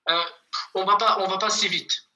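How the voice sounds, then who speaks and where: A language teacher giving an online lesson over a video call, patiently repeating words slowly for students. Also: mid-range voice, steady tone, pushed and bright, rough recording.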